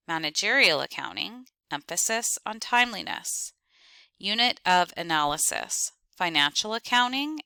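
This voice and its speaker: A woman lecturing on accounting, reading out terms, definitions and lists in clipped, deliberate steps. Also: on the low side, pushed and bright, clear, resonant tone, no room sound. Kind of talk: reading lecture slides aloud.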